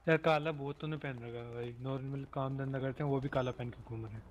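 A man streaming a city role-play game, trading casual, slangy banter with his crew. His voice sits at an ordinary middle pitch. Steady noise from the game chat runs behind him. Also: fast talker, dull audio. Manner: laid-back, slangy banter.

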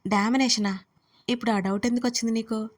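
A woman's voice: a little high, steady tone, fast, close to an everyday voice. A woman voicing a young man who is a teasing, unbothered lover, speaking in a dry manner.

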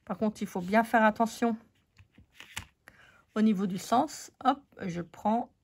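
A woman's voice: on the high side, slow, creaky. A woman with a French accent losing her voice, chatting casually to viewers about craft supplies with many fillers. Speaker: craft channel host. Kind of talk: casual craft haul chat.

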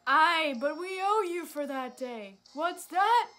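A woman voicing a gruff old male sea captain in a video game, with a hearty sailor's way of talking. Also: expressive, slow, sharp tone, heavily acted. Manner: hearty, booming sailor talk.

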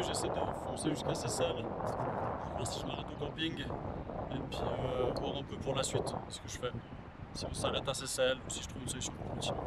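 Against heavy background noise, a man with a slightly high voice vlogs his solo kayak trip, talking casually to the camera outdoors by a river. He's relaxed and chatty, thinking aloud, swearing casually now and then, and using many fillers.

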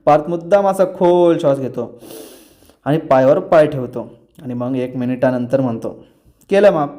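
A man's voice: mid-range voice, moderate pace, warm tone. A man reviewing a TV serial episode who retells the plot and speaks directly to his viewers. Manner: storytelling, addressing viewers directly. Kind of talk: episode recap narration.

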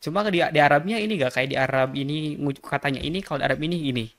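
A man's voice: on the high side, rapid-fire, a bit bright. A man, a guest English teacher chatting casually on a podcast, laughing often and demonstrating pronunciations.

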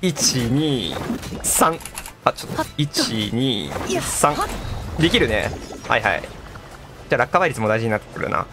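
A man doing excitable live gameplay commentary as a streamer. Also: medium pitch, measured pace, long pauses. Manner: excitable, exclaiming, echoes game lines. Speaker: gaming streamer. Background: game music and sound effects.

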